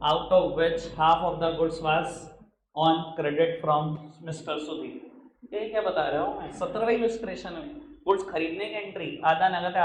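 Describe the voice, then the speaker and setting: A man from Uttar Pradesh teaching accountancy in a class, mixing Hindi and English. He teases and scolds his students, and reads each question out slowly in English. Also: a little high, a little hiss or hum. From Uttar Pradesh, India. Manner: chiding, teasing teacher who calls students "babu". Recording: echoey room.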